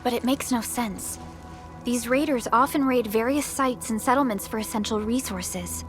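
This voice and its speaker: A woman voicing a calm young supervisor. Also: fairly high pitch, lightly acted. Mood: serious. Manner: measured, businesslike. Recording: game audio with music.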